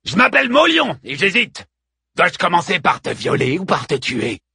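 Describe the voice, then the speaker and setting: A man voicing a coarse, filthy male soldier who mocks and threatens in loud shouts. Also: very high-pitched, animated, fairly quick, creaky, slightly rough, no echo, clean studio sound, voice pushed up, heavily acted. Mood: sneering.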